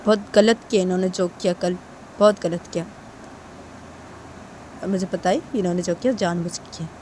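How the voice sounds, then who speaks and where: A woman's voice: on the low side, fairly even intonation, normal speed, darkish tone, a little hiss or hum, lightly acted. A woman voicing an angry young woman in a homemade storytelling video, insisting over and over that she was wronged. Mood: angry, accusing. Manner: insistent, repeats herself stubbornly.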